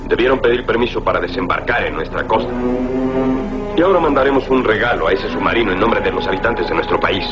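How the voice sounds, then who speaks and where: A man's voice: on the low side, expressive, fast talker, natural voice. A man voicing an upright, confident superhero soldier in a dubbed cartoon, speaking in a firm, declamatory way. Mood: resolute. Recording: dull lo-fi soundtrack under loud music.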